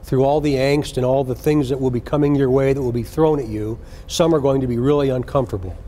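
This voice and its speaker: A man, a senior police official, gives an earnest, deliberate address to recruits, repeating key phrases for emphasis. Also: mid-range voice, steady tone, mellow, a little hiss or hum.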